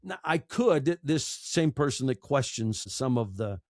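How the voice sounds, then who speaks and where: An expressive, medium-pitched man speaks without hurry as a podcast guest, drawing on his background as a broadcaster and audiobook narrator. He tells stories in a conversational, emphatic way with rhetorical questions and repeated phrases. The recording is dry and cleanly studio-made.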